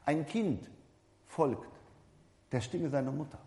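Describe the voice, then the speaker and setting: Male preacher, warm low-key timbre, loose and chatty sermon delivery, long church-hall reverb. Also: slow pace. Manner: conversational, addresses the congregation directly, repeats and corrects himself.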